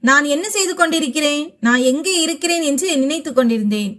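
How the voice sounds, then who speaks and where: A woman narrating a first-person story with a dramatic, emotional delivery. Her voice sits high. She tells the tale as a storyteller. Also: lively intonation, quick pace, a bit bright.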